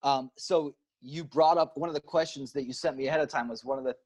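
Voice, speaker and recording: Relaxed middle-aged interview guest, mid-pitched, quick delivery. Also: male voice. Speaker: guest, teacher and guitarist. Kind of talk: casual interview chat.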